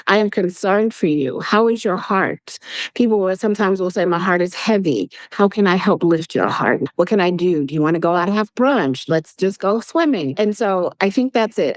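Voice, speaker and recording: A lively woman guest on a podcast, telling stories with acted-out voices and frequent laughter. Her voice sits at an average pitch and comes across close and dry, with no room sound at all. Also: no room sound, low-quality recording. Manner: animated storyteller, acts out quoted voices, laughs often. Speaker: guest, public speaker and coach. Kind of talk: podcast interview conversation.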